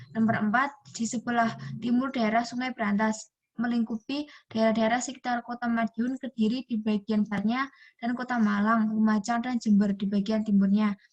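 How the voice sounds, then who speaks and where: A young Indonesian university student reads a class presentation aloud from a text, frequently restarting words. Her voice is on the high side, and the sound is lo-fi.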